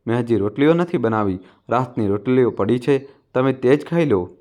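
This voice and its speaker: A busy younger daughter-in-law from a storybook tale, offhand and matter-of-fact, as a male narrator reads her. Plain middle pitch, no dramatic voicing. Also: animated, moderate pace, darkish tone, lightly acted.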